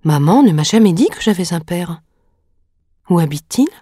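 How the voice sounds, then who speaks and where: A woman's voice: on the low side, expressive, normal speed, dark tone, breathy edge, no room sound. A woman reading aloud voices a sickly, frightened young boy who pleads and resists in plaintive questions.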